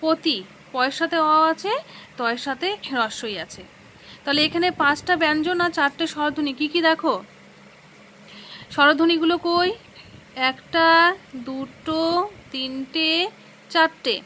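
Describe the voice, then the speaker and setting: A woman teacher with a high, bright voice talks through a grammar lesson, sounding out words syllable by syllable. She keeps asking questions and answering them herself. Faint noise hums behind her. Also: slow pace, pauses often, poor audio. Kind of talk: classroom lesson explaining grammar.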